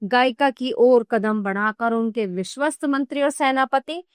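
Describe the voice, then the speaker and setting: A woman's voice: on the high side, measured pace, clean tone, no room sound, clean studio sound. A woman reading a school play aloud, announcing each speaker and stage direction. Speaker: reader of a school textbook play.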